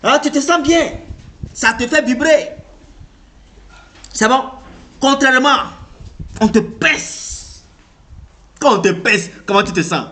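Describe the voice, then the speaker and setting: A man with an African French accent giving an animated motivational talk, repeating himself and firing rhetorical questions at the listener. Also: very high-pitched, unhurried, long pauses. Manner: animated, repetitive, rhetorical questions, acts out reactions. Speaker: motivational speaker.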